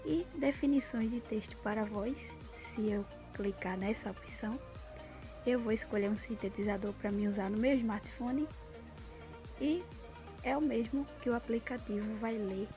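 A Brazilian woman giving an unscripted demonstration of an app as a tutorial host. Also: mid-range voice. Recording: music playing behind the voice. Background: clear background music.

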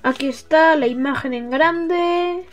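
Female kids' toy channel host, very high voice, sing-song and enthusiastic, music underneath. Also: takes it slowly. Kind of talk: toy unboxing for children.

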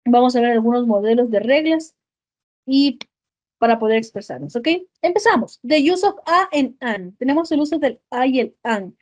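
Brief: Ecuadorian female teacher, high voice, patient explainer, tags "ok?". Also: lively intonation, moderate pace, darkish tone. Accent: Ecuadorian Spanish. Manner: explains in Spanish with English examples, checks with frequent "ok?". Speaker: English teacher. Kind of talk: online class lesson.

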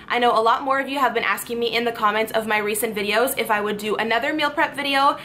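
A woman's voice: on the high side, sharp tone, a little hiss or hum. A woman in her twenties talking casually to camera as a lifestyle vlogger, upbeat and chatty with lots of ums and likes. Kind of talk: voice-over cooking tutorial. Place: bedroom with clothes rack behind. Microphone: camera framed from the waist up.

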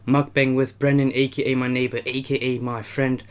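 A man's voice: medium pitch, little pitch movement, fairly quick, clean tone. A young man hosting a casual eating video in an attic, talking in a slangy, laid-back way between bites. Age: young adult. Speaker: host. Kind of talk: casual mukbang chat. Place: small warm attic room, indoors.

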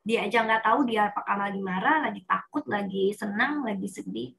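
A woman's voice: mid-range voice, brisk, creaky. A woman therapist explaining step by step to a parent, often acting out what a child would say. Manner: explains with acted child quotes, animated. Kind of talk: consulting conversation.

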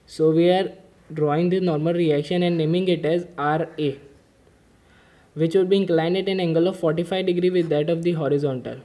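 High-voiced man tutoring step by step. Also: fairly even intonation, a little fast, dark tone. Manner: methodical, step-by-step explaining with filler "okay". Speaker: engineering mechanics tutor. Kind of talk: whiteboard-style problem-solving lesson.

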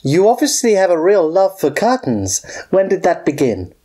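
Someone doing a lady parody news anchor, mock serious, very lively pitch, soft tone. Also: moderate pace. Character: woman local TV news anchor in a spoof bulletin. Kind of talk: mock local news bulletin presenting.

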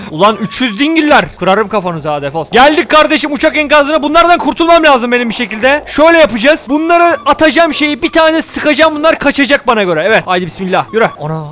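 A man's voice: very high voice, animated, fast talker, a bit bright, a little hiss or hum. A young man giving rowdy, jokey let's play commentary, swearing often and talking straight to his viewers. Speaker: gaming YouTuber.

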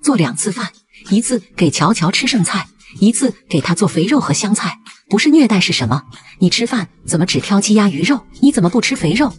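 A woman voicing a sarcastic, sharp-tongued mother. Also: mid-range voice, big pitch swings, a little fast, close to an everyday voice. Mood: cutting. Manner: sarcastic and cutting.

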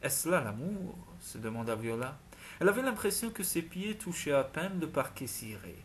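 A man in measured storytelling narration, reading a romance audiobook. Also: a little high, big pitch swings, slight background noise. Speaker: audiobook reader. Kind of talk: scripted narration.

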